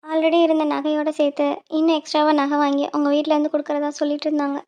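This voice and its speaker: High-voiced performer of cartoon girls. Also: monotone, fast, a little mellow, highs cut off. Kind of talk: animated Tamil cartoon voice acting.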